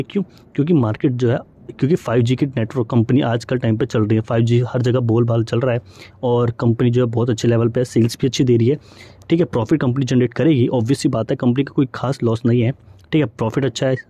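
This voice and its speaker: A man giving a brisk stock-chart walkthrough, often saying "theek hai" and mixing English terms into his speech. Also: mid-range voice, warm tone, husky. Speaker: stock market educator. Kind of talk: fast screen-share chart walkthrough.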